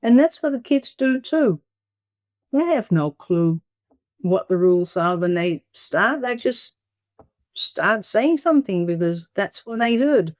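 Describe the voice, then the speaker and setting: An older woman, an emerita biology professor who speaks English as a second language, talks conversationally as an interview guest. Her mid-range voice is animated at a measured pace, with no room sound.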